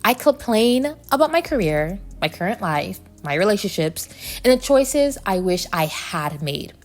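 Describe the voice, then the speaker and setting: An adult woman hosts a solo podcast, speaking candidly and reflectively in a casual, conversational way. Her mid-range voice is sing-song and a little slow, with articulation slightly muffled by braces, over soft background music.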